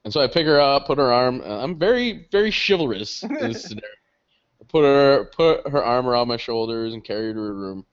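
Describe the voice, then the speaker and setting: A young man co-hosting a podcast, spinning a long story with a lively, swooping voice. He swears freely and laughs often as he talks. The recording sounds dull and lo-fi. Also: mid-range voice, quick pace, hardly any pauses, clean tone. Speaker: podcast co-host. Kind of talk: casual storytelling chat.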